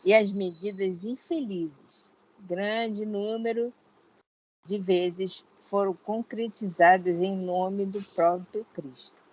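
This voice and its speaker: A woman with a Brazilian Portuguese accent reading a religious text aloud to a study group, slow and deliberate. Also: medium pitch, fairly even intonation, a little mellow, lo-fi sound.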